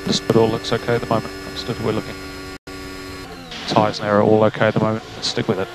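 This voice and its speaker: A man's voice: fairly low pitch, monotone, quick pace, background noise. A man working as a race engineer, giving clipped, matter-of-fact updates over race car radio and repeating key figures. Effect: team radio transmission.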